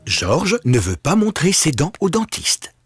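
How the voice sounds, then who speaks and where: A man narrating a French children's cartoon as a calm storyteller. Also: on the high side, unhurried, slightly rough, no room sound, studio quality, full character voice. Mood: gentle, explanatory. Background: music.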